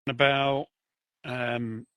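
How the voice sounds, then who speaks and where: A man's voice: mid-range voice, level tone, takes it slowly, pushed and bright, smooth, no room sound. A man co-hosting a casual garden podcast chat, joking and laughing often. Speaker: podcast co-host.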